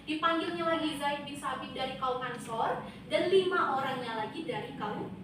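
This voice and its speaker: A young woman student teacher giving a lively classroom lesson, asking the class questions. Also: high-pitched, normal speed. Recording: echoey classroom, far from the mic, noisy.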